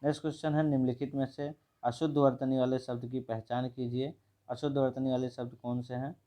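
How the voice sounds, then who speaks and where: A man, teaching a brisk exam revision lesson and going through questions one by one. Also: mid-range voice, level tone, warm tone. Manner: brisk, repeats each word and asks the viewer. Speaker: Hindi teacher.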